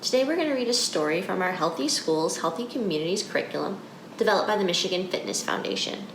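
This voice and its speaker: An animated woman does a guided picture-book read-aloud for children, asking them questions directly. Her mid-range voice moves fast. The room is echoey, with roomy sound and background noise.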